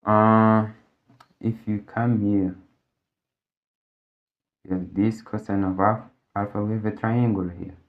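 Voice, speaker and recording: The recording is lo-fi and dull as a low-voiced physics tutor, a native Portuguese speaker, works a problem on a board at a very slow pace. His delivery is flat and halting, full of fillers and restarted sentences as he thinks aloud.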